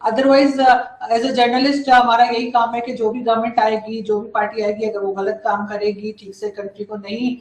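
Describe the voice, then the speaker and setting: A woman journalist argues her points earnestly and at a measured pace, her voice sitting a little high. She sounds set back from the mic in an echoey room. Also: flat delivery, distant mic. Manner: earnest, measured argument with fillers. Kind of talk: political talk show discussion.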